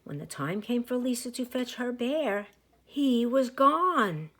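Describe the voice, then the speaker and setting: A woman reading a picture book aloud as a teacher to young children, with expressive, drawn-out emphasis. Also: fairly high pitch. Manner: animated, with slow drawn-out emphasis; asides and explanations for young listeners.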